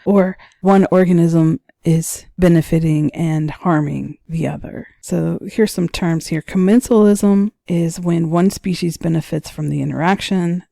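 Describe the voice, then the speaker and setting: Gravelly, mellow woman giving a biology lecture. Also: sits low, no echo, studio quality. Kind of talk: scripted lecture narration with brief asides.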